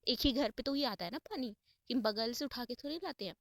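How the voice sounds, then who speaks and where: A woman's voice: on the high side, lively intonation, fairly quick, dry recording, lightly acted. A woman voicing a teasing, firm middle-aged mother. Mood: scolding.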